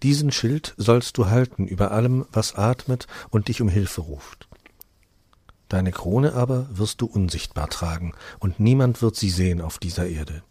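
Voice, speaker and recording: A man voicing a serene, divine queen of a far-off realm, speaking calmly, solemnly and tenderly in a fairy tale reading. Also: on the low side, breathy edge, no room sound.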